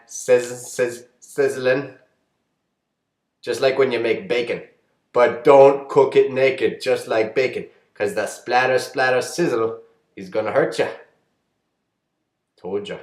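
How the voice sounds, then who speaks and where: A man giving a rambling, deadpan comedic how-to monologue, full of fillers and restarts. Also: mid-range voice, a little slow, long pauses. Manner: rambling folksy delivery with many fillers and restarts. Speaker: comedic vlogger. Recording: echoey roomy sound.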